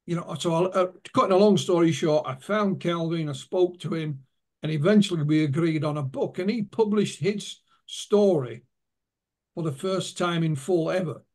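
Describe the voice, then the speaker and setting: A man's voice: fairly high pitch, moderate pace. A man being interviewed as an author, telling anecdotes and retelling what witnesses told him. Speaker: author and guest. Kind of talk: interview storytelling.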